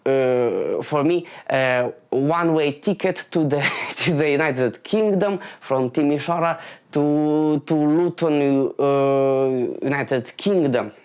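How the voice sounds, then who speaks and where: A man in his late twenties from Moldova, delivering a halting stand-up comedy monologue full of fillers and restarts. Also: on the high side, a little mellow, clean tone.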